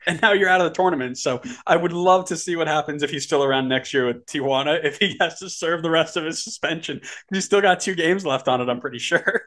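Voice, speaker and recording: A man co-hosting a casual soccer podcast, telling stories in an animated way, his pitch climbing as he gets excited. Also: fast, hardly any pauses. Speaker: podcast co-host.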